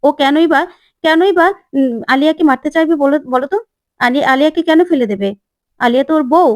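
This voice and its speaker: A woman's voice: high voice, brisk, no echo, voice pushed up, natural voice. A woman voicing a middle-aged mother defending her son in a retold TV serial. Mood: defensive.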